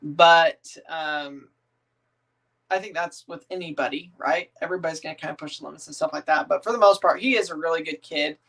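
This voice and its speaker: A northern U.S. man in his thirties hosts a relaxed livestream, reading out viewer comments and responding in a loose, rambling manner packed with ums and restarts. His fairly high voice is brisk, creaky and a bit bright, captured in a low-quality recording.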